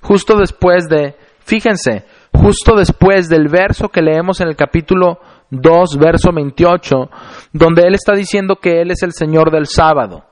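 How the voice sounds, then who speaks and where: A man preaching a sermon, reading scripture aloud and explaining it in a deliberate manner, slowing down to stress key phrases. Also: fairly high pitch, a little mellow.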